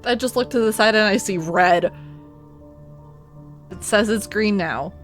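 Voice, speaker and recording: A woman with a mid-range voice narrates and comments on a live game stream. Her delivery is expressive and theatrical, and music plays faintly behind her. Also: mid-range voice, measured pace.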